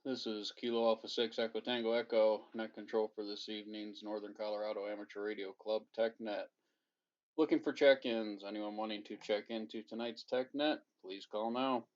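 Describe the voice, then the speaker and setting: A man running an amateur radio net as net control, heard over a radio transmission, steady and courteous with formal call procedure. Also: fairly low pitch, normal speed. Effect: heard over a ham radio transmission. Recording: dull lo-fi radio audio.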